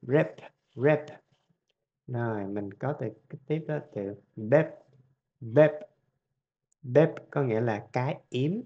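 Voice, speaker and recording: Man, vietnamese accent, english teacher, patient phonics drill, middle pitch, dull lo-fi sound. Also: warm tone. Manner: drills each sound several times, then explains it patiently. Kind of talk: phonics lesson, repeating words slowly.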